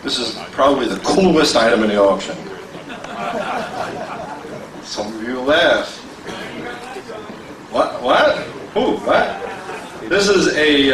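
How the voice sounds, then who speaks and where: A middle-aged man calling bids as an auctioneer at a convention, joking with the crowd and rattling off prices. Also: medium pitch. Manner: joking, self-deprecating banter with the crowd; rapid bid calling. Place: large convention hall with a crowd. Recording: echoey hall, voice from far off, faint noise.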